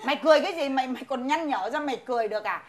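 Một người phụ nữ đóng vai bà nội già nghiêm khắc, giọng miền Bắc, hay mắng mỏ con cháu trong tiểu phẩm hài. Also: female voice, high voice, racing, heavy background noise, natural voice. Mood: scolding. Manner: scolding, blunt, teasing. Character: stern old grandmother, scolding. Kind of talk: comedy sketch acting.

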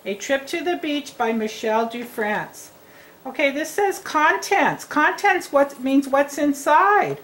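Slow, encouraging woman reading teacher. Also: high voice, animated, fairly bright tone, slight background noise. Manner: slow, encouraging, sounds words out. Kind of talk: reading lesson for young children. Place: indoors at a tabletop.

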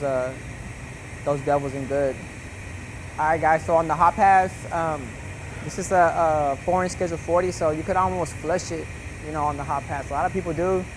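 A young man talks through his welding in an easygoing, rambling way, leaning on fillers as he goes. His voice sits a little high for a man. Steady shop noise runs clearly behind him. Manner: laid-back, rambling, many fillers like "you know" and "like". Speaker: welding instructor. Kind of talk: casual instructional voice-over.

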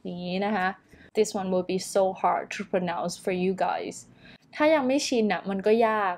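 A woman teaches English pronunciation in a casual online lesson. She talks at an easy, unhurried pace and draws out her English example words slowly and deliberately, at a mid pitch. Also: steady tone, gravelly, darkish tone. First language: Thai. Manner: switches between Thai explanation and slow, drawn-out English model words.

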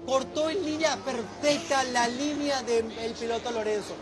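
A man giving excitable live commentary on motorcycle racing, full of exclamations and repeated words. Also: very high-pitched, a little slow.

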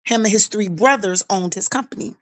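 A woman's voice: mid-range voice, fairly quick, dry recording. A middle-aged woman tells her own story in casual chat. She talks animatedly, acting out quoted dialogue and repeating phrases for emphasis. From South Carolina, US.

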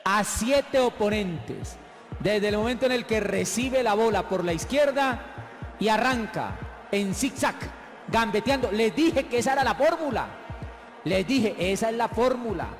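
A Colombian man giving excited football analysis, emphatic and repeating words for effect. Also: high voice, unhurried. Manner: emphatic, repetitive, counting out points. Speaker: football pundit. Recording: reverberant broadcast with music behind.

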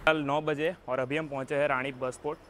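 A man's voice: fairly high pitch, little pitch movement, brisk, fairly bright tone. A young man narrating a casual travel vlog from a moving bus at night, chatty and mixing English words into his talk. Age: young adult. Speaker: travel vlogger. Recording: bus and street noise behind. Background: engine and traffic noise.

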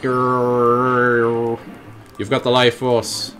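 A man's voice: mid-range voice, completely flat delivery, extremely slow, fairly bright tone. A man doing joking, playful gameplay commentary with casual swearing and blurted sound effects. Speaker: gaming video host. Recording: game music behind the voice.

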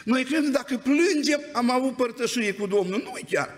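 A man's voice: very high-pitched, lively intonation. A man preaching a sermon in a church, telling stories in a conversational way and often prompting the congregation with "amen?". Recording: long church hall reverb.

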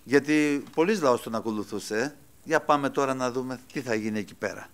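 A man preaching a sermon to his congregation, who calls his listeners brothers and swings from loud exclaiming to quiet asides. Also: mid-range voice. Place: church.

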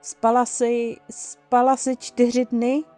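A woman's voice: on the high side, flat delivery, soft background music, pitched above the performer's own voice, lightly acted. A woman voicing a shy, caring teenage boy who speaks hesitantly. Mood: gentle. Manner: soft, hesitant.

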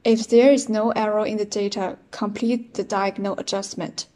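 Speaking with a Chinese accent, a young woman demonstrating a product reads out the numbered steps for setting up a machine. She has a medium-pitched, warm voice, moderately paced, with fairly even intonation and a plain, methodical way of counting each step.

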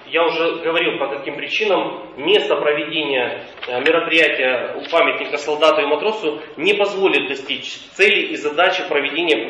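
A man presenting a formal legal argument in court, measured with occasional hesitations, captured on a dictaphone recording in the courtroom. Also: fairly high pitch, fairly bright tone, slight background noise. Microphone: dictaphone far from the speaker. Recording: echoey, distant, dull dictaphone recording.

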